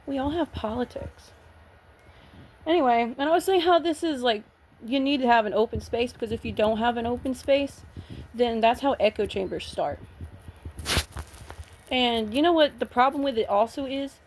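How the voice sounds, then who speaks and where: A woman with a slightly high voice talks straight to camera in a loose, blunt vlog rant. She swears freely and sounds nervous and shaky, pushing through restarts as she argues her point. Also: moderate pace, long pauses, darkish tone, slight background noise. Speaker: vlogger. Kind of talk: casual ranting vlog.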